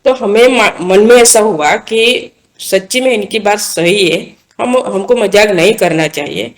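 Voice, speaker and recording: A woman's voice: medium pitch, measured pace. A woman guest telling a personal devotional story in an earnest, casual way, often repeating and restarting her phrases as she goes. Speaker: guest recounting a devotional experience.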